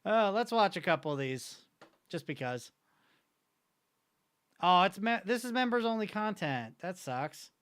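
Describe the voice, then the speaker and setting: Bright, clear-voiced male streamer. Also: high voice, very animated, a little slow, pauses often. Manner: joking, self-mocking, rambling. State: slight wheeze. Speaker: streamer reacting to videos. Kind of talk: casual stream chat.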